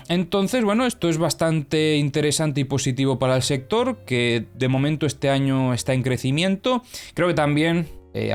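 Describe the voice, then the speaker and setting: A man's voice: medium pitch, smooth. A young man hosting crypto news and analysis, talking in a chatty, explanatory way with many fillers and self-corrections. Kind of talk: casual news commentary.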